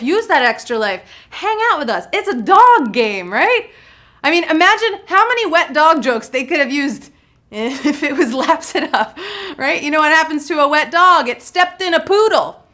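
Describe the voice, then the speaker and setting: A woman's voice: sits high, pushed and bright. A woman hosting a live trivia game show, bubbly and jokey, cracking puns and talking to the players in the chat. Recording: faint music behind.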